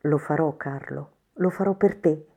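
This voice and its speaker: A woman's voice: deep voice, measured pace, vocal fry, husky, heavily acted. A woman voicing a determined, focused mare. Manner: quiet inner thoughts.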